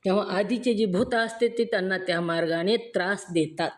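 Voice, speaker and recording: A woman's voice: medium pitch, fairly even intonation, a little fast. A woman with a Marathi accent giving a devotional scripture discourse, earnest and emphatic, posing rhetorical questions to her listeners. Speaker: religious discourse reader.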